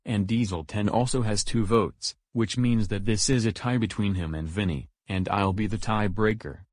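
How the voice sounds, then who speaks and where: Guy doing a hedgehog announcer in a fan cartoon, lowish plain voice, dry. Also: no room sound. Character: cheerful hedgehog announcer, male.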